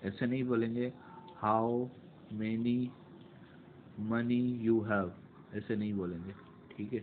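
A man teaching English grammar in a slow classroom explanation, repeating words and mixing English into Hindi. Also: mid-range voice, steady tone. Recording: tinny phone-like audio with faint noise.

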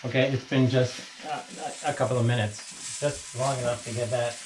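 A man from the United States, in his sixties, hosts a casual home cooking vlog in a small kitchen, chatting his way through each step and revising what he says. His mid-range voice is steady, brisk, and somewhat dark. Behind him, a noisy kitchen crackles with frying and sizzle.

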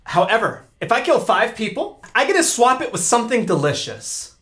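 A man's voice: very high voice, big pitch swings, normal speed, a bit bright. A man vlogging and commenting on his own gameplay in a casual, self-mocking way, reacting aloud as he plays. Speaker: YouTube creator.

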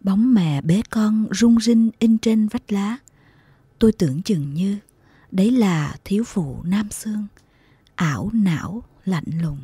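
A woman reading a heartfelt story aloud as a narrator, slow and tender in her storytelling. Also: mid-range voice, expressive, mellow, slightly rough, no room sound. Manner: slow, tender storytelling with emotional acted quotes. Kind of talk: scripted audiobook narration.

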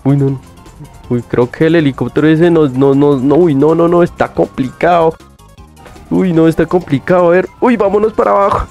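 A young man giving excited gameplay commentary, yelping and jumping high in pitch whenever something startles him. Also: normal speed, gravelly, highs cut off, soft background music. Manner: excitable, yelps "uy" constantly, laughs often, voice jumps high when startled. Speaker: gaming youtuber.

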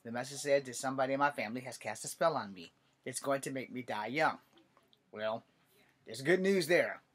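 Man nearly fifty, husky mid-pitched voice, sarcastic bedroom vlog straight to webcam. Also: fairly quick, a bit bright. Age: 40s. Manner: wry, sarcastic, swears. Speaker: vlogger. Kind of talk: casual webcam monologue. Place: cluttered bedroom, indoors. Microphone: webcam at desk distance.

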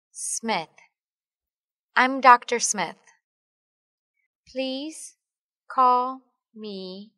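A woman with a fairly high, smooth voice reads simple English sentences for language learners. She says each word on its own at a very slow pace, then repeats the whole phrase. The recording is dry and close, like a studio voice-over. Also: a bit bright, no room sound.

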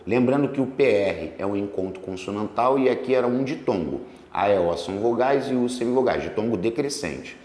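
Lively teacher in an echoey room. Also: male voice, mid-range voice. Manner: lively, stretches words slowly to spell out syllables. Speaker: exam prep teacher. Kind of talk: solving exam questions on grammar.

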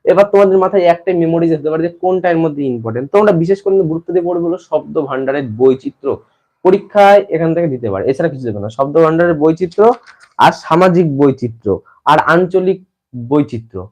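Guy from west bengal doing an exam prep class, a bit high-pitched, keeps restarting and repeating himself. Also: animated, quick pace, a little mellow, dull audio. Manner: repeats phrases and restarts while explaining. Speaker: teacher. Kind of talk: exam-prep lesson to students.

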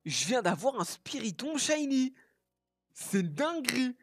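Excitable French-speaking man gaming reactions. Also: very high voice, measured pace, no room sound, studio quality, soft background music. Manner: exclamatory, swears often, repeats his exclamations. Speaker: gaming YouTuber. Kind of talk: excited reaction video commentary.

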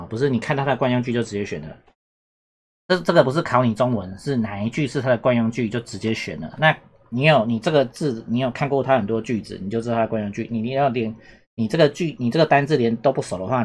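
A man teaching a casual exam-prep lesson, repeating points and checking whether students follow. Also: medium pitch. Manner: chatty, repetitive, asks "懂哈？有没有？" often. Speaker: Japanese teacher.

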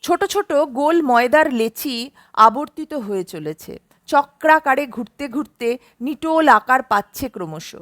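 A woman narrating an audiobook story in an expressive, measured storytelling manner on a close mic. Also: sits high, no room sound.

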